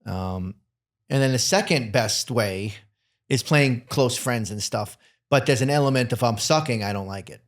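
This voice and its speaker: A man's voice: mid-range voice, moderate pace. A man co-hosting a casual podcast, talking candidly and hesitantly with frequent ums. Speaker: podcast co-host. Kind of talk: casual chat.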